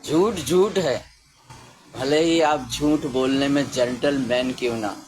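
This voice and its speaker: A man preaching a sermon slowly and emphatically, raising his voice for stress. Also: medium pitch, a little mellow. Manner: slow, emphatic, with rising exclamations.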